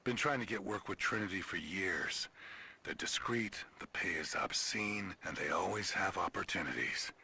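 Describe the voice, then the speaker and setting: A jittery contractor in a video game, low-voiced and gravelly, keeps his words hushed and furtive. His tone is sharp and bright. A faint hiss sits under the voice. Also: animated, moderate pace, exaggerated voice. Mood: uneasy. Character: nervous male contractor selling gear on the sly.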